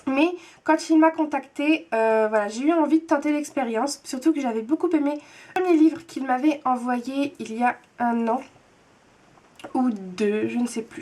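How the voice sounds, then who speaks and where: A woman's voice: sits high, a little mellow. A young woman chatting casually about books as a vlogger, with many fillers and restarts. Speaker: book vlogger. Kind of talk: casual book haul chat.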